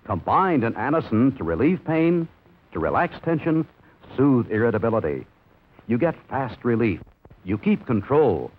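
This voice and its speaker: A man's voice: medium pitch, very animated, moderate pace. Authoritative male announcer, tinny sound. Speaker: commercial announcer. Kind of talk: scripted vintage ad narration. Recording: tinny, narrow old commercial audio.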